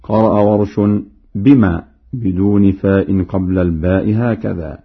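A man with a lowish voice teaches Quran recitation, explaining readings in an even, deliberate way. He chants each verse example slowly. The sound is narrow and phone-like. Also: husky.

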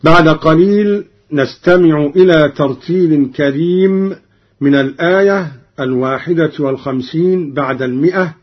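A man teaching Quran recitation rules, explaining each point and then reciting the examples in a measured, drawn-out way. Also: on the high side, slightly rough. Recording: dull lo-fi recording.

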